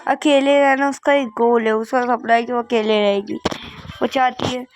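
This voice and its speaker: A woman's voice: fairly high pitch, steady tone, normal speed, lightly acted. A woman voicing a chatty little girl princess who tattles about her sister in a doll game. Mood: complaining.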